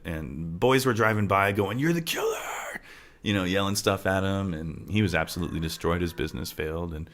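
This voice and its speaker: A man with a low, slightly bright voice speaks briskly with few pauses as he co-hosts a true-crime podcast. His conversational manner features frequent "right?" check-ins and the odd laugh that cuts a thought short, and farm animals are nearby at his home.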